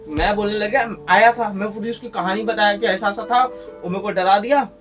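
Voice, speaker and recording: Young mumbai guy, high voice, slangy and crude, telling a spooky tale, mic kinda far off, music under it. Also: moderate pace. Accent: Mumbai Hindi. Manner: animated, slangy, crude humor. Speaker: podcast storyteller. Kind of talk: casual horror storytelling. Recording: distant mic with music behind.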